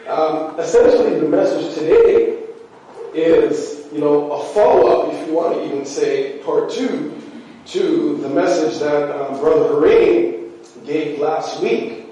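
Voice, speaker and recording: A man delivers a sermon in a church sanctuary, his fairly high, dark-toned voice stuffy and nasal because of allergies. His delivery is casual and filled with repeated "you know"s. Heard from far away in a very echoey space, the recording has slight background noise.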